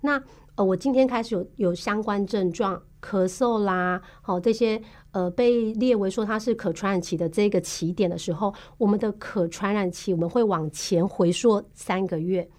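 Taiwanese mandarin woman, case manager type, calm step-by-step explaining, mid pitch, lots of little uh pauses. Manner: patient, explanatory, measured with frequent filler pauses. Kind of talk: podcast interview.

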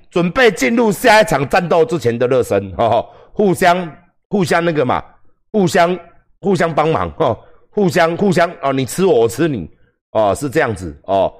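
Crude, joking Taiwanese male streamer. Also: a little high. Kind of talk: casual livestream commentary.

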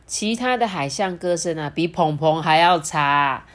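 On her storytelling podcast, this mother chats with kids and tells them stories, speaking right to them with lots of expression. Her voice is low and unhurried, carrying a Taiwanese Mandarin accent and slightly slurred, non-standard pronunciation.

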